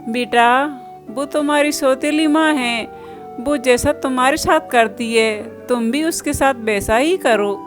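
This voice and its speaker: Woman as a kind ghostly mother, soft slow comfort, faint music. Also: sits high. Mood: consoling. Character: gentle spirit of a dead mother, consoling.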